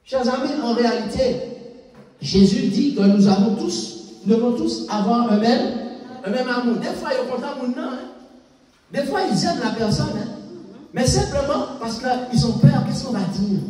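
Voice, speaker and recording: Male preacher, very high voice, emphatic call-and-response style, recorded from afar in a reverberant church. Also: moderate pace, darkish tone, distant mic. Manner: rhetorical questions, repeated amens, emphatic. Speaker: pastor. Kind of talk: sermon. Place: large echoey church hall. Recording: echoey hall, voice picked up from afar.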